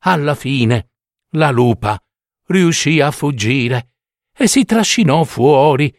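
A male storyteller reading a fairy tale at a very unhurried, dramatic pace, his voice rising and falling freely. The sound is close and dry, with no room around it. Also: fairly high pitch, no echo. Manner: slow, dramatic, expressive storytelling.

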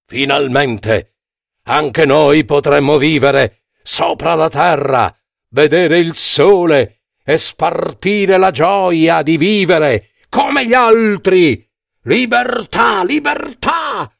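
A man voicing an excited crowd of mice, shouting in an exultant way. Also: on the high side, takes it slowly, creaky, dry recording, clean studio sound.

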